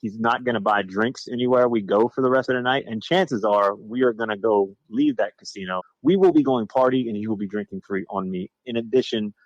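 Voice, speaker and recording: A man's voice: lowish voice, fairly quick, hardly any pauses, dry recording, lo-fi sound. A man chatting on a podcast who rambles and trips over his sentences. The sound is dry and close. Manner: rambling, stammering restarts. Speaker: podcast co-host. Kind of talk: casual chat.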